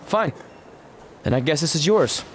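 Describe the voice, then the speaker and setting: An actor playing a goofy, paranoid young male wrestler in a video game, excitable and jokey, mangling his words. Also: fairly high pitch, measured pace, slight background noise.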